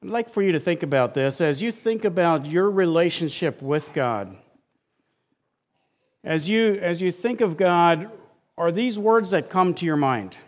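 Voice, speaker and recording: Visiting pastor guy, kinda high voice, earnest sermon at church. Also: expressive, measured pace. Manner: earnest, rising in intensity when reading scripture. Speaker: guest pastor. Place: church sanctuary.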